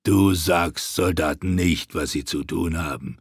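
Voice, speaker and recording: A hulking, thick-headed sergeant voiced by a man reading an audiobook growls in a low, heavy voice. He talks slowly, full of contempt. The sound is dry and close. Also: dry recording, exaggerated voice. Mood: contemptuous. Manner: gruff, slow, contemptuous. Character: brutish, dim-witted male slave-soldier sergeant.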